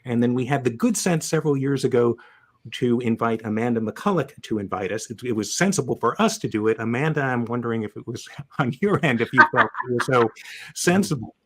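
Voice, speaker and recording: A man's voice: mid-range voice, expressive, a little fast. Upbeat man hosting a webcast. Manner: upbeat, joking. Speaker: podcast host.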